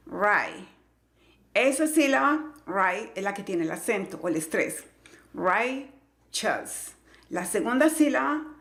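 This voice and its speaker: Woman teaching english sounds, talks real slow and careful, repeats words, echoey room. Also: medium pitch, a bit bright. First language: Spanish. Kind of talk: explaining pronunciation to learners.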